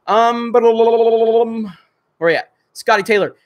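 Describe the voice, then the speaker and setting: A man with an extremely high voice speaks extremely slowly as he hosts a casual livestream. He rambles with many fillers, reading super chats and answering viewer comments.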